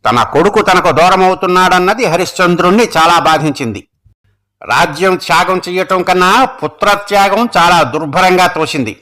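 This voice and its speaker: Male narrator for a folk tale reading, bright and measured. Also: fairly high pitch. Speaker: storyteller.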